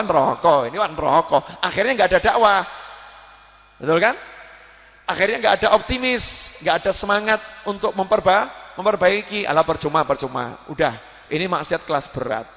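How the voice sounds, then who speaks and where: A man giving a religious lecture, animated, acting out prayers and voices with joking asides. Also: sits high, gravelly. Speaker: preacher. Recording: long hall reverb.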